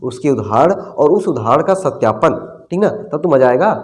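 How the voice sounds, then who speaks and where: A man's voice: fairly high pitch, lively intonation, moderate pace. A man teaching a physics lesson in a casual classroom manner, asking questions and answering them himself, repeating the key terms, and calling his students brother. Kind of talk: classroom lecture.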